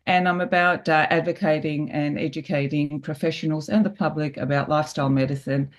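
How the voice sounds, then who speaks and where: A woman's voice: low voice, a little mellow. A woman, a nutrition researcher, introducing herself cheerfully with light humor on a video call.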